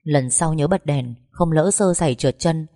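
A man's voice: a little high, moderate pace, warm tone, no echo, clean studio sound, lightly acted. A woman reading the lines of a man, a stern but caring doctor and father, in a terse, clipped way. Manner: short, terse instructions.

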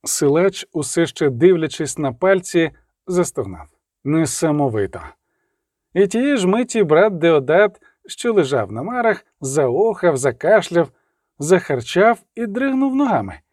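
Expressive male audiobook narrator. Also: a little high, a little slow, dry recording, clean studio sound. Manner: expressive, dramatic reading.

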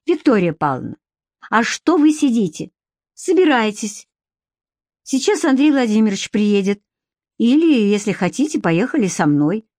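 A woman voicing a shrill, scolding assistant. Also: big pitch swings, moderate pace, no echo, clean studio sound. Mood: indignant. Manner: indignant, scolding, shouts when angry. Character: bossy, shrill female personal assistant.

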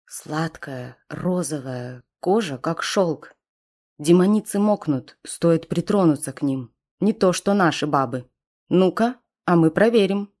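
A woman voicing a crude, leering male raider with a husky, coarse voice in an audiobook. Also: on the low side, lively intonation, normal speed, a little mellow.

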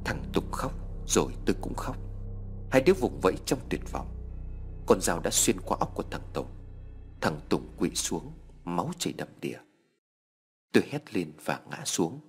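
A man's voice: low-pitched, slightly rough. A man narrating a first-person horror story in a dramatic, tense style. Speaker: audiobook narrator.

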